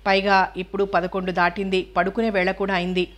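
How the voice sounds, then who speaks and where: A woman reading as a soft-spoken old maid. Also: mid-range voice, level tone, close to an everyday voice. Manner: soft, slow, hushed speech. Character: gentle older woman, a devoted maid. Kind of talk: audiobook character reading.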